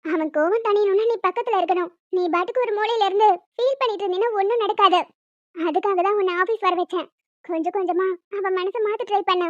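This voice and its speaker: A woman's voice: very high-pitched, fast talker, no room sound. A woman voicing a bossy pregnant young woman in a cartoon, firm and persuading. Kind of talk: cartoon dialogue. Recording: dull lo-fi dry sound.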